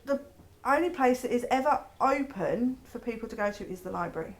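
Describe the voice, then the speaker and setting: A woman's voice: fairly high pitch, expressive, brisk. A woman speaking matter-of-factly in an interview.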